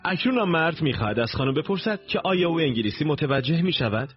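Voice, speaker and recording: A man narrating a recorded language course in slow, deliberate, instructive steps. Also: a little high, big pitch swings. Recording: dull lo-fi tape recording.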